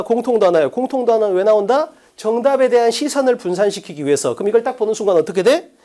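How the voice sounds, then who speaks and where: Middle-aged guy teaching an exam prep class, voice jumps up and down a lot, keeps quizzing the students. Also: high-pitched. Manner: animated, rhetorical questions to students. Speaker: English teacher. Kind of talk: lecture to students.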